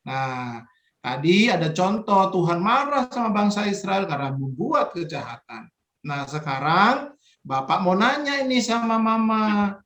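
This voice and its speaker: A man's voice: high-pitched, expressive, a little slow, a bit bright, roomy sound. A man leading a children's Sunday school session over a video call, coaxing the kids with playful questions. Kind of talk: children's online worship Q&A.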